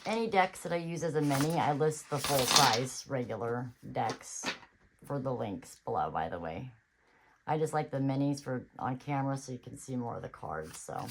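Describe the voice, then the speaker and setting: A woman's voice: extremely low pitch, expressive, moderate pace, very noisy. A woman giving a casual tarot reading on her channel, chatty and reassuring, thinking aloud as she goes. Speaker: tarot reader.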